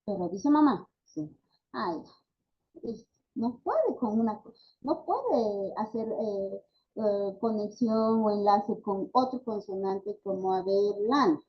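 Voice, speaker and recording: A woman's voice: mid-range voice, lively intonation, takes it slowly, highs cut off. A woman with a Bolivian Spanish accent giving a speech therapy class, talking conversationally with many fillers and tag questions. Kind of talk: online class lecture.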